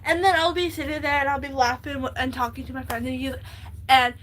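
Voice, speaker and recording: High, bright-voiced woman rambling excitedly. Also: a little fast, a little hiss or hum, poor audio. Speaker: livestreamer. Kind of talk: casual livestream chat.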